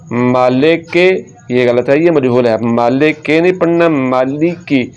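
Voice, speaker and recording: Man, recitation teacher, patient syllable drilling, smooth resonant voice, dull lo-fi recording. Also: mid-range voice, a little mellow. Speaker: Quran reading teacher. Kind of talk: recitation lesson. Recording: muffled lo-fi sound.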